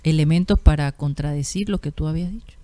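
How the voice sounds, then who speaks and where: A woman with a Colombian Caribbean coast accent, co-hosting a casual chat, joking and teasing and chiming in with quick interjections. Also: low voice, mellow, no room sound. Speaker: podcast co-host.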